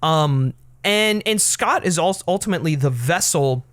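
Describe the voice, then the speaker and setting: A man co-hosting a film podcast, talking casually with many restarts and fillers and gently pushing back on his co-host. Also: a little high, animated, unhurried, dry recording.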